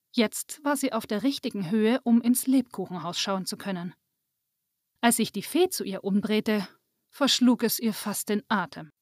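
A woman reading a children's Christmas story aloud in a calm, clear storytelling manner. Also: on the high side, no echo, clean studio sound.

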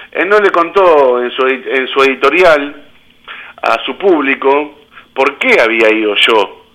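A man's voice: on the high side, fairly bright tone, rough recording. A man with an Argentine accent, a guest on a radio show, speaking indignantly and repeating himself as he recounts confrontations. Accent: Argentine Spanish. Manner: indignant, repeats himself, voices his own quoted confrontations. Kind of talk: heated radio interview.

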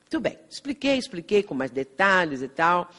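A woman's voice: lowish voice, sing-song, normal speed, fairly bright tone. A woman with a Brazilian Portuguese accent gives a lecture, earnest and explanatory. She keeps tagging her points with little checks to the listeners. Her voice rings with the long reverb of a hall. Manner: earnest, explanatory, frequent "não é?" tags. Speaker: spiritist lecturer. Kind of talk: lecture with anecdotes.

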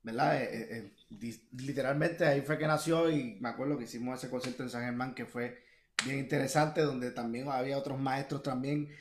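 A man's voice: medium pitch, steady tone, brisk, a little hiss or hum. A young Puerto Rican man chats as a guest musician over a video call. He rambles, filling his talk with fillers and restarts. His voice sits mid-range and sounds echoey, as if from a bare room. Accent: Puerto Rican Spanish. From Puerto Rico. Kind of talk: casual interview talk.

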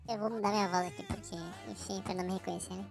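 A young man telling a story in casual slangy chat, lowering his voice into a disguised deeper tone so he won't be recognized. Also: little pitch movement, racing, creaky, soft background music. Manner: slangy, rambling, self-interrupting. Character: himself in a disguised deeper voice, hiding identity. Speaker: podcast co-host.

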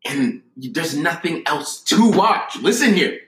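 A man's voice: fairly high pitch, expressive, a little slow, fairly bright tone. A young man, chatting casually and slangily as a podcast co-host. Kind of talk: casual chat. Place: basement, indoors. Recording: echoey basement room.

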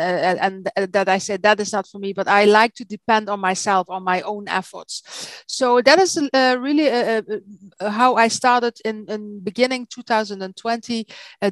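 Dutch-accented woman, halting and dry. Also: mid-range voice, dry recording. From south of the Netherlands. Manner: halting, many fillers and restarts. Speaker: guest. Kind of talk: casual interview chat.

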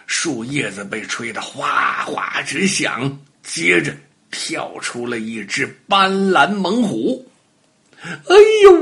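An older man telling a children's bedtime story to little listeners, animated and expressive, acting out sound effects as he goes. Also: fairly high pitch, vocal fry, breathy edge.

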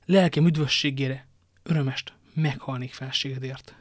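A man reading an audiobook, voicing a loyal young maid who speaks gently and earnestly, full of pity. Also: mid-range voice, fairly even intonation, dry recording, clean studio sound, lightly acted. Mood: tearful devotion.

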